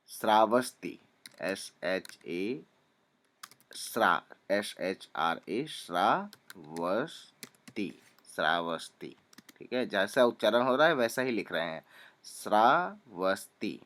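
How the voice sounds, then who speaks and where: A calm young man teaches spelling, breaking names into individual letters and repeating each. His voice sits low.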